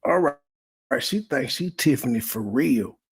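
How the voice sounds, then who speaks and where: Man, reaction host, gravelly husky voice, blunt profane mockery. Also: medium pitch, expressive, measured pace. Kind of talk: mocking reaction commentary.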